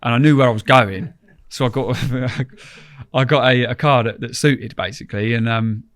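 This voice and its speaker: A man's voice: medium pitch, moderate pace, a bit bright, dry recording. A man telling casual, rambling anecdotes as a podcast guest in informal, colloquial speech.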